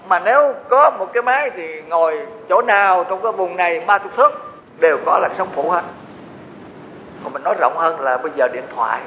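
A man's voice: high voice, bright, forceful tone. A man giving a Buddhist dharma talk, explaining teachings with folksy asides to his audience. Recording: echoey hall, dull lo-fi with faint noise.

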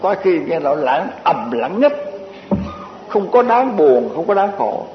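A man's voice: on the high side, sing-song, a little slow, faint music behind. A man giving a Buddhist dharma talk, folksy and repetitive, stringing lists together with chuckling asides. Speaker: Buddhist teacher. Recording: muffled echoey hall recording with faint hiss.

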